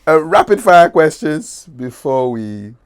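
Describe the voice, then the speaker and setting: A man's voice: fairly high pitch, very animated, slow, smooth. A man with a Ghanaian accent hosting a casual interview, teasing his guest in a playful way. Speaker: interviewer host.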